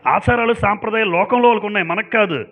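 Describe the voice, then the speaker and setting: A man's voice: high voice, racing. A man preaching a sermon to a congregation, emphatic and asking them pointed questions. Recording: dull lo-fi sound.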